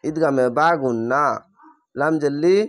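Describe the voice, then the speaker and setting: A man teaching Quran reading, patiently spelling out each word letter by letter and slowly stretching the recited syllables. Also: fairly high pitch. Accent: Bangladeshi Bengali. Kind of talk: step-by-step spelling lesson.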